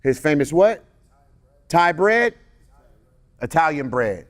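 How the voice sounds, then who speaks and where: A man teaching a sermon in a casual, conversational way, joking with the congregation and reading scripture slowly. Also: on the high side, sing-song.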